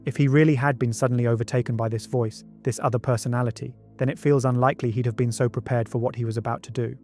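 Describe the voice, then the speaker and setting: Speaking quickly in a flat, slightly mellow mid-range voice, a man narrates a true-crime documentary from a script. He adds conversational asides, and a music bed plays behind him.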